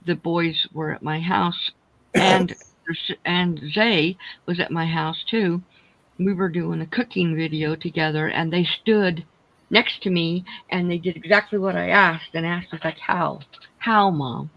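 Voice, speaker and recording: A woman's voice: on the low side, fairly even intonation, a little slow, dry recording, highs cut off. A woman hosting a casual crochet livestream, chatting in a rambling way, speaking without her teeth in. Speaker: host of a crochet chat livestream.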